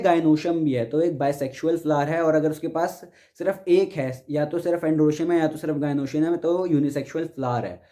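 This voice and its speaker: A man's voice: a little high, dark tone. Young Indian man teaching biology. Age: young adult. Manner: explains step by step, reads textbook lines then restates them. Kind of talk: exam-prep lecture.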